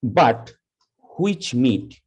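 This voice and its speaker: Man, lecturer, live class, unhurried, repeats points, dark mellow tone. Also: medium pitch, sing-song, breathy edge, low-quality recording. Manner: slow, deliberate explaining with repetition.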